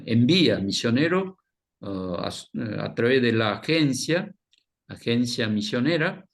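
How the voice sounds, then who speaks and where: Man, slow lecture, gravelly, many fillers. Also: lowish voice. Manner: slow, halting, with many fillers and tag questions. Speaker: missions teacher. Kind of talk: lecture on mission work.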